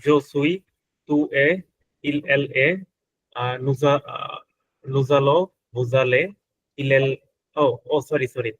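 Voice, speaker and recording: Hesitant man, very slow. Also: mid-range voice, fairly even intonation, a little hiss or hum, low-quality recording. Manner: hesitant, corrects himself. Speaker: student.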